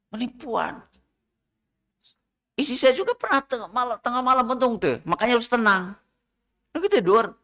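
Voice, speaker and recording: A man's voice: sits high, a bit bright. A middle-aged man with a Sundanese accent giving a religious study talk, telling chatty anecdotes and slipping between Indonesian and Sundanese. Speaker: Islamic lecturer.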